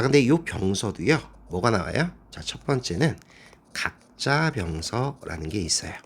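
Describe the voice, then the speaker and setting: Lively husky male Korean teacher. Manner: explains step by step, asks the class questions; lively, animated pitch. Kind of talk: classroom lecture.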